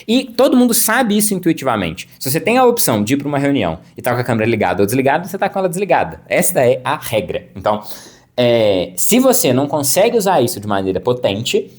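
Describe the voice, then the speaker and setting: A man who works as a psychologist, teaching clinical practice in a video lesson recorded to camera, talking quickly with frequent tag questions. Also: medium pitch, very animated. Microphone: camera mic, speaking to camera.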